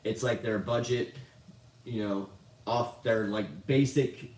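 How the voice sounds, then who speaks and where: A man's voice: on the low side, slow pace, a little mellow. A man hosting a casual livestream, answering chat questions in a rambling, profane, self-mocking way. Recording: roomy, distant mic, faint noise.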